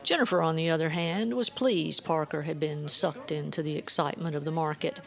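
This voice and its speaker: A woman author narrating her own story in a measured, even reading. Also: deep voice, creaky.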